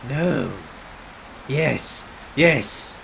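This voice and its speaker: Smeagol, a wretched hissing creature. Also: male voice, mid-range voice, expressive, drawn-out words, gravelly, a bit bright, heavily acted, low-quality recording. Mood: evasive, anxious. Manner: broken grammar, pleading, repeats words. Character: wretched fawning creature Smeagol, small, hungry, shifty.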